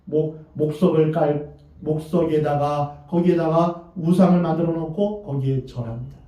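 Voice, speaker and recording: A man's voice: on the high side, moderate pace, mellow. Male pastor preaching in a very echoey church. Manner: earnest preaching with rhetorical questions to the congregation. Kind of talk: sermon. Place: church sanctuary. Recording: very echoey, distant, dull church recording.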